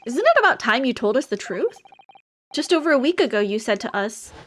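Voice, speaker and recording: A woman's voice: a little high, big pitch swings, fairly quick. A woman voicing an earnest, exasperated young lawyer from an adventure game, insistent and dramatic. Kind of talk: game script voice acting on a livestream. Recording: music behind the voice.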